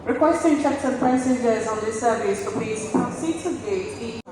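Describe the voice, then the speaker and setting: Woman announcing over an airport PA. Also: on the high side. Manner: measured, formal announcing. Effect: airport PA loudspeaker announcement. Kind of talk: formal boarding announcement. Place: airport terminal. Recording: echoey, distant, faint background noise.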